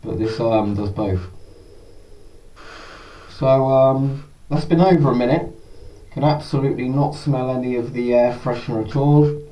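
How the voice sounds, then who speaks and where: A man's voice: medium pitch, measured pace, pauses often, mellow. A man presenting a casual test commentary, his voice muffled as he speaks through a gas mask. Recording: distant mic, faint background noise.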